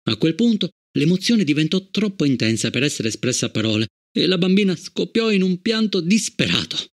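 Un uomo che legge un audiolibro di racconti e dà voce a tutti i personaggi. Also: male voice, on the high side, big pitch swings, brisk. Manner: acts out every character. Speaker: audiobook narrator. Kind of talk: expressive audiobook reading.

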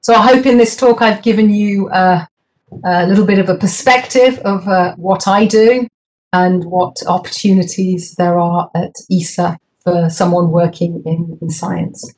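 Woman closing a talk, measured. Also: on the low side, fairly even intonation, a little mellow, poor audio. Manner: measured, with fillers. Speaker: project scientist. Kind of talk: online presentation. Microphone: video call.

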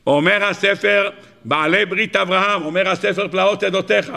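A man's voice: high-pitched, fairly even intonation, creaky, pushed and bright. A rabbi giving a Torah lesson, telling stories with animation and firing rhetorical questions at his listeners.

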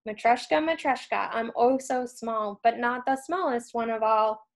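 A tiny, cheerful female nesting doll from a storybook, chanting her little rhyme in a sing-song way as a woman reading aloud puts her on. The voice is slightly high with a gravelly crackle. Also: normal speed, close to an everyday voice.

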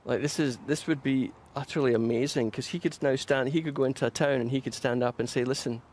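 A man's voice: mid-range voice, steady tone, fast, a little mellow. A male pastor preaching a sermon, earnest and emphatic, building momentum through repeated phrases. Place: church.

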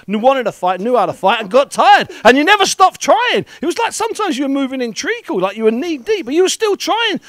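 A man's voice: very high voice, a bit bright, no room sound. An older British man interviewing a boxer in a locker room, talking emphatically and piling on praise. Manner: emphatic, rising to fervent praise. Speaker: radio sports interviewer. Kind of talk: post-fight interview. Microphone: handheld mic.

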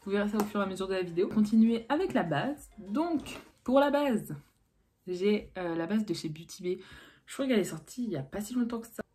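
A young Frenchwoman chats her way through a makeup tutorial as a beauty vlogger, a little fast, with lively intonation in a mellow, mid-range voice. She uses many fillers, restarts, and self-corrections, and faint music runs in the background.

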